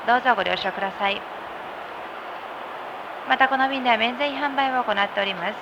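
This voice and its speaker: A woman's voice: on the high side, rapid-fire. A woman flight attendant giving a polite, formal scripted in-flight announcement over a cabin PA. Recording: muffled aircraft cabin PA, loud engine noise.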